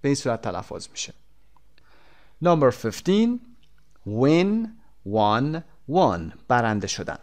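Male English teacher, textbook lesson, slow deliberate drills with brisk asides. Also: medium pitch, big pitch swings, darkish tone. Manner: slow, deliberate drilling of words, then quick explanations. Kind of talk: textbook lesson, reading verb forms aloud.

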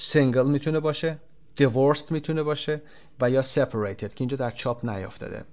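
A man teaching English words in Persian. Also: mid-range voice. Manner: explains in Persian and reads English example words slowly and clearly. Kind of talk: classroom language lesson.

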